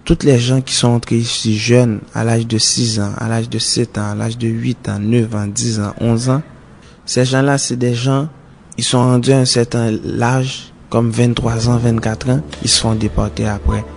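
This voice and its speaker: A man's voice: medium pitch, little pitch movement, moderate pace, creaky, a little hiss or hum. A Haitian-born man, giving a frank personal testimony and speaking straight to a friend. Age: 20s. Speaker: detainee facing deportation.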